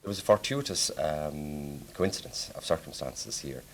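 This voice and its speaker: Extremely deep-voiced man. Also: expressive, moderate pace. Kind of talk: interview explanation. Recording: faint background noise.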